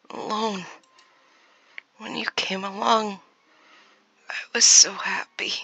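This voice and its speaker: A woman voicing a lonely, gentle young man in a forest, in a whispered role-play with a hushed, pleading voice. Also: mid-range voice, husky, no echo, heavily acted, rough recording.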